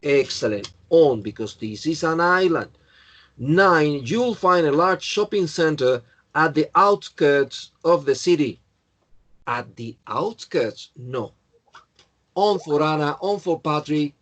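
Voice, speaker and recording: A man's voice: on the high side, lively intonation, slow, fairly bright tone. A man teaching an English class, going through answers and correcting students by name in a patient way. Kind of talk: online class, checking answers.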